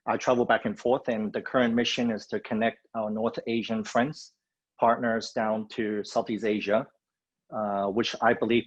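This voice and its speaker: On dull, lo-fi video call audio, a Hong Kong man presents as a webinar guest in a lowish voice with a breathy edge. His speech is loose and chatty, full of fillers.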